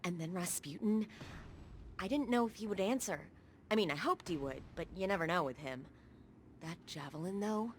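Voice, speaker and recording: An actress as Ana Bray, resolute researcher. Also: female voice, on the low side, expressive, moderate pace, slight background noise, close to an everyday voice. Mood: earnest. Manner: earnest, resolute. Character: determined woman Warmind researcher, defiant. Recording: game cutscene with loud score.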